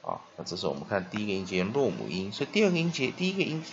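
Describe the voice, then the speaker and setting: A man teaching English pronunciation, breaking words into syllables slowly and reading text aloud in a steady, deliberate way. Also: on the low side, vocal fry, highs cut off, slight background noise. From Taiwan. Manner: drills words slowly syllable by syllable, then reads aloud loudly. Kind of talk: spelling and pronunciation lesson.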